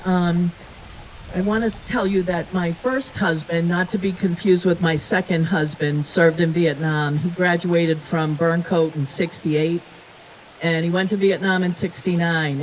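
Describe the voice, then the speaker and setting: Woman saying a few words at a ceremony, pretty flat tone, slight hiss. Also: fairly low pitch, low-quality recording. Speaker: school committee member. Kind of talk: brief public remarks. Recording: faint hiss.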